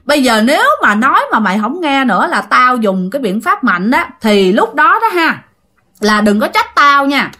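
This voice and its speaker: A woman's voice: sits high, sing-song, normal speed, bright, forceful tone, heavily acted. A woman voicing a stern old female exorcist scolding a ghost. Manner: scolding, threatening.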